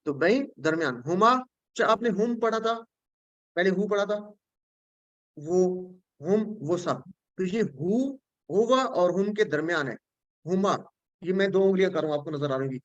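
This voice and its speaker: A man's voice: high-pitched, expressive, dry recording, highs cut off. A man with a Pakistani Urdu accent, teaching the meanings of Quran words, repeating each word patiently and often checking that his students follow. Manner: recites prayer phrases slowly.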